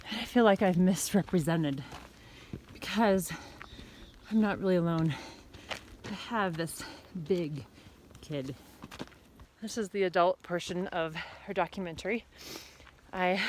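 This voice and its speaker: A woman's voice: lowish voice, slight background noise. A middle-aged woman vlogging casually on an outdoor mountain trail, joking and a bit out of breath, talking into a handheld camera. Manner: chatty, joking, laughs often. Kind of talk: casual hiking vlog.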